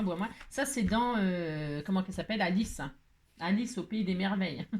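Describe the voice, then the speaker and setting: A middle-aged woman chatting playfully while making crafts, rambling with jokes and little asides. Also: fairly high pitch. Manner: playful rambling, jokes, laughs, hums snatches of song. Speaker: crafting vlogger. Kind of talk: chatty crafting tutorial talk.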